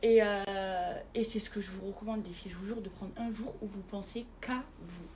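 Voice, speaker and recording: A young French woman talking casually to her viewers from bed, often in a hushed voice. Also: mid-range voice, steady tone, normal speed, slight background noise. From France. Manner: chatty, hushed at night, calls viewers "les filles". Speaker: vlogger. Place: bedroom, in bed.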